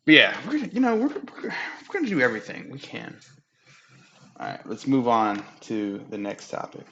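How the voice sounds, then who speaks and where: Bright-voiced young man, casual and profane. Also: medium pitch, huge pitch swings, vocal fry, highs cut off, a little hiss or hum. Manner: loose and profane, quick to laugh. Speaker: podcast host. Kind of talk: casual chat. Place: home room.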